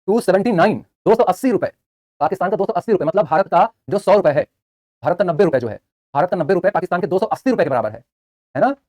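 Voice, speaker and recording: A man's voice: sits high, lively intonation, fast talker, darkish tone. A young man teaching a live online class, chatty, joking between facts and repeating answers for students.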